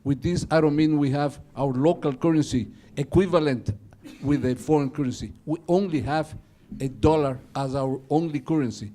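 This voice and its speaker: Panelist: man from Ecuador, corporate lawyer, mellow tone, concise and structured. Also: on the high side, normal speed, slight background noise. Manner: concise, structured, speaks with slight slips. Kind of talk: panel presentation.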